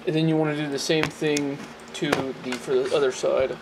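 Seated at a desk in a small room, a male amateur presenter stumbles through an unscripted tech demonstration, rambling and correcting himself in a steady, casual, slightly high voice. A handheld camera held close behind him off-screen records it with faint noise.

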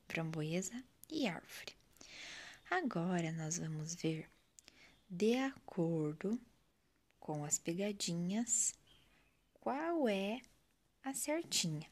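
A woman's voice: fairly low pitch, darkish tone. A woman, a primary school teacher with a Brazilian Portuguese accent, giving a remote lesson to children in a patient, sing-song teaching voice.

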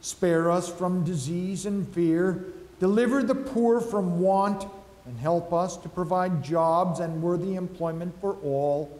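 A male pastor slowly and solemnly reciting liturgical prayers, heard with a long cathedral echo in a large church. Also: high-pitched, mellow. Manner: slow, measured, solemn recitation. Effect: cathedral echo, long church reverb. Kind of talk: liturgical prayer and communion rite. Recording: echoey church hall with faint music.

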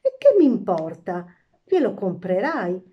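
A woman's voice: mid-range voice, very animated, slow, dull audio. A woman voicing a spoiled, curious little princess who talks in a whiny, demanding way.

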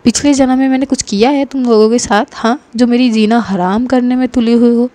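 A woman's voice: high voice, a little slow, dark tone, no room sound. A woman doing a grumpy, complaining young friend. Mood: irritated. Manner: irritable, complaining.

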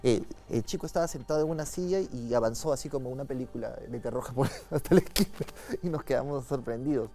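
Un hombre con acento peruano, invitado ocultista, que narra con calma y en voz baja una experiencia personal en una entrevista. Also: male voice, mid-range voice, fast talker. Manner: soft-spoken, calm storytelling with frequent tag questions. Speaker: occultist guest. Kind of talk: telling a personal story in an interview.

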